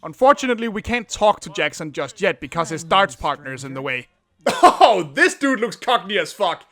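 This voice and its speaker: A man's voice: high-pitched, very animated, brisk, pushed and bright. A man narrating a comedic video game review, jokey and full of exaggerated outbursts.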